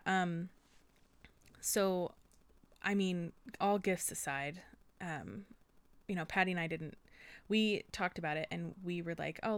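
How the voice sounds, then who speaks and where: A young woman with a lowish voice co-hosts a podcast in a dry recording. She chats casually and gushes, getting emotional and laughing often.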